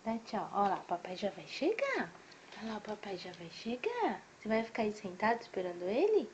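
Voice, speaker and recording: A woman's voice: medium pitch, wildly swooping pitch, a little fast, darkish tone, slight background noise. A woman talking baby talk to her pet at home, coaxing and drawing out her words in a sing-song way. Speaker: pet owner. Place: indoors at home, by a door. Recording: dull lo-fi home video.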